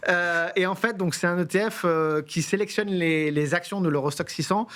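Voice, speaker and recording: A man's voice: high voice, normal speed, a bit bright. A man, an invited expert in a studio interview, explaining methodically and often restarting his phrases.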